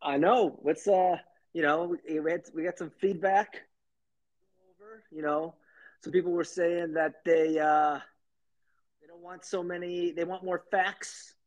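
A man with a high-pitched voice co-hosts a loose, casual podcast. He talks slowly and jokes around. Every so often he sings short snippets of songs for a quiz. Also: steady tone. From lives somewhere hot. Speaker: podcast co-host. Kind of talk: casual chat.

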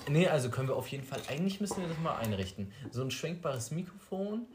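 A man's voice: on the high side, big pitch swings, fast talker. A young man co-hosting a podcast in casual, slangy chat with friends. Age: young adult. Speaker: podcast co-host. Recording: roomy echo, faint noise.

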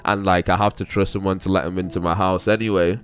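This young vlogger, speaking with a London accent, rattles off rambling, slang-heavy commentary in a deep, flat voice at a fast clip. Now and then he breaks into a chuckle as the casual chat rolls on.

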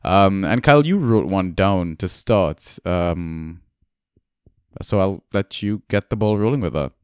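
Smooth low-voiced man hosting a podcast. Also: measured pace, dry recording, clean studio sound. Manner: relaxed, chatty, laughs often. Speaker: podcast co-host. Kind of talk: casual podcast chat.

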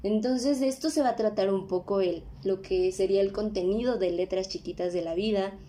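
This podcast host is a woman in her twenties who speaks with a Mexican accent in a medium-pitched, dark-toned voice at a fairly quick clip. Her monologue is casual and chatty, and she often tacks on tag questions.

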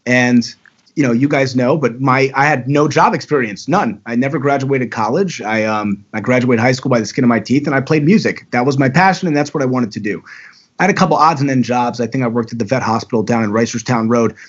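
Husky talkative man, candid. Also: medium pitch, a little fast, muffled recording. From Baltimore area, USA. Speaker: guest. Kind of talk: casual storytelling.

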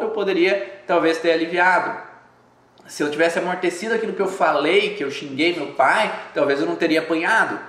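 Man, slightly higher voice, reflective live-stream host, repeats phrases, echoey room. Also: fairly bright tone. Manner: reflective, repeats phrases, asks rhetorical questions. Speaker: host of a live video channel. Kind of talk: explanatory live-stream talk.

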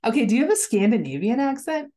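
A woman's voice: on the high side, big pitch swings, fast talker, dark tone. A woman co-hosting a podcast in casual chat, chatty and giggly with lots of fillers. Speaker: podcast co-host.

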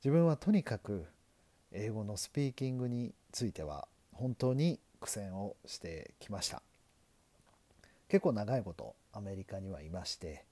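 A middle-aged lawyer from Japan hosting a solo podcast, talking in an earnest, self-deprecating, measured way. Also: male voice, lowish voice, mellow, slightly rough, no room sound. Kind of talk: solo podcast talk on learning English.

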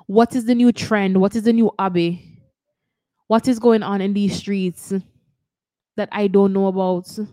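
A woman's voice: mid-range voice, fairly even intonation, measured pace, long pauses, dark tone, no room sound. A woman with a Jamaican accent hosting a casual commentary show, chatty and careful, often correcting herself. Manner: chatty, hedging, self-correcting. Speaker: host.

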